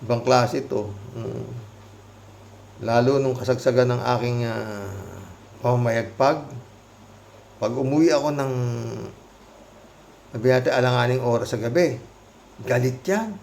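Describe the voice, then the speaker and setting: A man's voice: mid-range voice, a little slow, gravelly, long pauses, darkish tone, a little hiss or hum. A man hosting a casual commentary show, reading out viewer comments with sarcastic, mocking remarks and frequent laughter. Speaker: commentary channel host. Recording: roomy echo.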